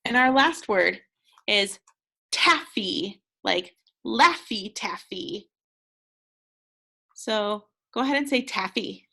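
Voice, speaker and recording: American teacher lady, super slow and bright, patient phonics lesson for little kids. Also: medium pitch, expressive, creaky. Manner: patient, encouraging, pauses for answers. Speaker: second grade teacher.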